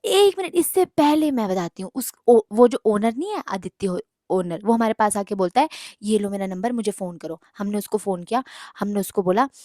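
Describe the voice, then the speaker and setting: A young woman vlogger telling a story in a casual, animated way, mixing in English words and swearing. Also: mid-range voice, normal speed, no room sound, studio quality.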